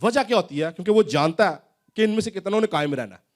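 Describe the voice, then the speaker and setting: A male pastor preaching a sermon in a church hall, asking rising questions and then dropping his voice low. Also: animated.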